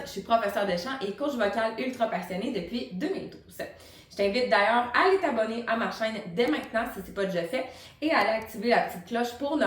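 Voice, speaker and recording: A woman with a Quebec French accent giving an informal, encouraging tutorial as a vocal coach, speaking directly to the viewer. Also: a little high. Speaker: singing teacher and vocal coach. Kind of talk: tutorial explanation to camera. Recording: roomy echo, distant microphone.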